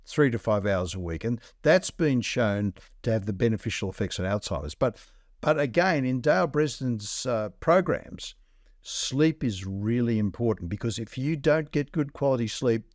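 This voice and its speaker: A man's voice: mid-range voice, moderate pace, a little mellow, no room sound, clean studio sound. A man, a doctor co-hosting a health podcast, talking bluntly and walking through numbers in plain terms. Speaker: doctor co-host. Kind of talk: casual health podcast chat.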